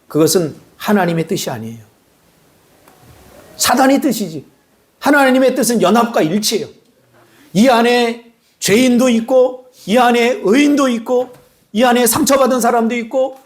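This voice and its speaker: A man, a pastor, giving an animated sermon in a church and teasing members of the congregation by name. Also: extremely high pitch. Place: church sanctuary.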